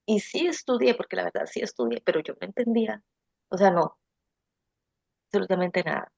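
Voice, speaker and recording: A woman telling her exam story in an emotional, expressive testimonial interview over a video call. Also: mid-range voice, a little fast, creaky, no echo, muffled recording. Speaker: student who passed licensing exam.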